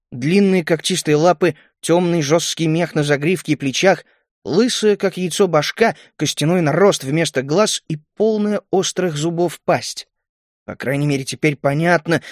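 A man reading first-person fantasy narration in a steady, measured way. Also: fairly high pitch, dry recording, studio quality. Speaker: audiobook narrator.

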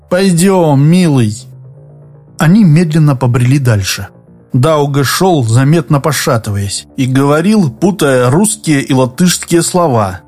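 A man reading a novel aloud as narrator, in an even, measured storytelling voice. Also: a little high, breathy edge. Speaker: audiobook reader. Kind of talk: scripted narration. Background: faint music.

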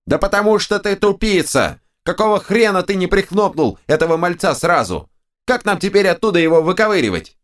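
Brief: shrill, creaky, quick-tempered ogre head, voiced by a man. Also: sing-song. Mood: angry. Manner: snarling, cursing. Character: foul-mouthed screechy male ogre head.

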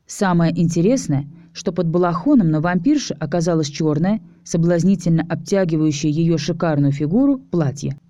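A woman reads a story aloud in a steady, even voice, narrating as a man in the first person. Her tone is lowish and mellow. The recording is close and dry, with no room sound. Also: normal speed, few pauses, no room sound, lo-fi sound. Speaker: audiobook reader. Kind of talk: scripted narration.

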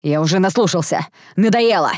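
A woman's voice: sits low, normal speed, darkish tone, no room sound, studio quality. A woman reading an audiobook, voicing a proud young crown prince who is sarcastic and snaps in anger. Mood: angry. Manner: sarcastic, snapping.

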